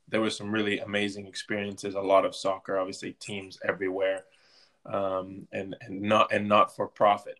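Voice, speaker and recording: A Belgian man with a fairly low voice, a soccer coach and team captain, answers questions in a conversational interview. His intonation is very flat, and he speaks informally, frequently doubling back on what he's said.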